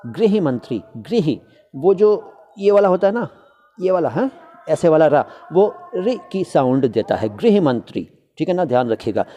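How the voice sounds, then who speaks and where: Mellow-voiced man teaching Hindi usage. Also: medium pitch. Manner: conversational, repeats words to model pronunciation. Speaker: Hindi-Urdu language teacher. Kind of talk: casual spoken lesson on usage.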